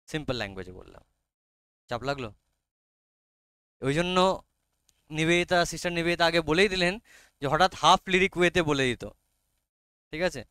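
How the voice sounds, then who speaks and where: A man's voice: on the high side, expressive, sharp tone, clean tone, no echo. A man with a Bengali accent teaching a literature class, explaining each line and checking often whether his students follow. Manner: reads English lines very slowly.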